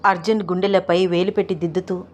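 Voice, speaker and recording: A woman's voice: fairly low pitch, little pitch movement, quick pace. Woman narrating a romance story.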